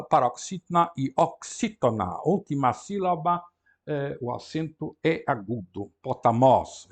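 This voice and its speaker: Gravelly man with a European Portuguese accent. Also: mid-range voice. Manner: explanatory, often ends sentences with "não é?"; spells out words slowly and repeats them. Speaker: Greek teacher. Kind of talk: classroom lecture.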